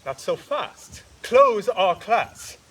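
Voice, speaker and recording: Touchstone, teasing court fool. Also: male voice, sits high, big pitch swings, a bit bright, slightly rough, full character voice. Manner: quick, teasing, rhyming quips. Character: witty bossy male court fool. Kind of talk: stage play acting. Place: outdoors on a farm. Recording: outdoor stage recording with light noise.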